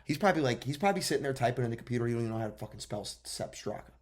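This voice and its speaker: Excitable, blunt young podcast co-host. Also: male voice, medium pitch, racing, background noise. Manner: blunt, excitable, swears freely. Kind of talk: casual sports chat.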